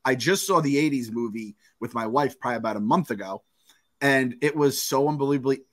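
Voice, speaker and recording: A middle-aged man co-hosting a podcast from home over a video call, telling animated, profane stories in casual chat. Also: mid-range voice, fairly quick. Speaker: podcast co-host. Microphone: over-ear headphones, video call.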